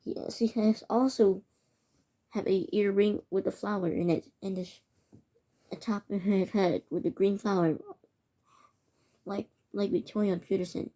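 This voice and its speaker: With a warm, mid-range voice and fairly even intonation, a woman narrates an amateur mock emergency broadcast. She keeps tripping over words, halting and starting again as she reads the homemade alert.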